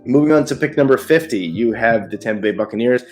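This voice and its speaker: A man hosting a casual football mock draft video, talking with excitement and frequent restarts. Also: medium pitch, soft background music. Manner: excited, rapid-fire picks with frequent restarts. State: short of breath. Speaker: sports video host.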